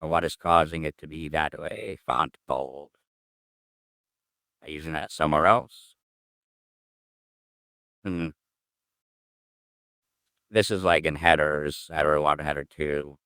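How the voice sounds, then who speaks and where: A man with an extremely deep, smooth and resonant voice talks himself through a coding session in a casual way. He mutters, hums and trails off as he thinks aloud. The recording is dry and close, with no room echo. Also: fairly even intonation, slow pace, long pauses, pushed and bright. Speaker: programmer streaming his coding work.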